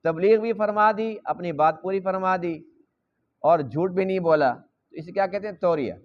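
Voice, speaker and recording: A man's voice: high voice, lo-fi sound. A man preaching a Quran lesson in a mosque, explaining by repeating phrases and acting out the dialogue.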